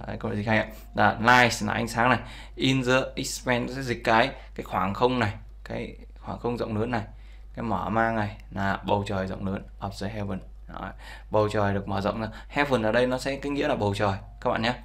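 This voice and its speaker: A man's voice: fairly low pitch, steady tone, fairly quick, vocal fry, fairly bright tone. A man teaching an English lesson over a screen recording, explaining words with many fillers and checks with his viewers. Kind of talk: screen-share language lesson.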